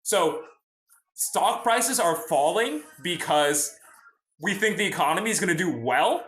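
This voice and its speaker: A man's voice: high voice, lively intonation, unhurried, fairly bright tone, echoey room. A young man hosting a casual livestream about finance, explaining in a chatty way and greeting viewers from the chat. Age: young adult. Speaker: host.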